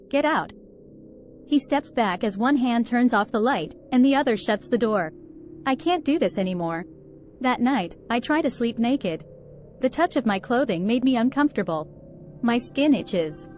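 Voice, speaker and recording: High-voiced woman reading a horror tale. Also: darkish tone. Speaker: story narrator. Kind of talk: first-person horror story reading. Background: faint background music.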